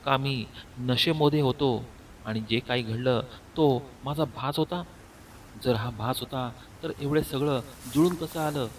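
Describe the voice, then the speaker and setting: A man narrating a first-person horror story in a steady, unhurried way. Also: mid-range voice. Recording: slightly distant mic, faint background noise.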